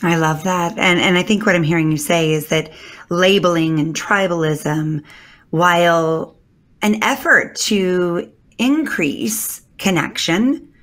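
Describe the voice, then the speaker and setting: A woman with a lower voice hosts the interview. She listens closely and then sums up her guest's points in a measured, thoughtful way. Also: fairly bright tone. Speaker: podcast host. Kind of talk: conversational podcast interview.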